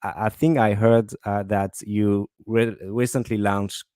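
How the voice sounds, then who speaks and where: A man with a French accent moderating a panel, asking questions with halting restarts. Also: on the low side, flat delivery, warm tone, smooth, no echo, clean studio sound. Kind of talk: online panel discussion.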